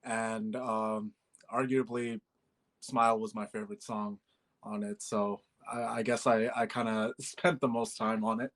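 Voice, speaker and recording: A man's voice: on the low side, little pitch movement, a little slow, a bit bright. A man in his twenties from Bangladesh, a musician guest chatting casually in an interview, with many fillers and easy laughs. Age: 20s.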